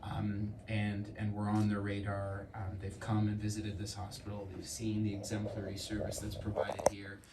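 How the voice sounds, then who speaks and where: Male politician, low register, earnest and stop-start, fielding a question in a reverberant room. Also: monotone. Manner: halting, repeating words as he argues earnestly. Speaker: provincial government politician. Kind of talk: answering a question at a public announcement. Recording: echoey room, distant mic, faint noise.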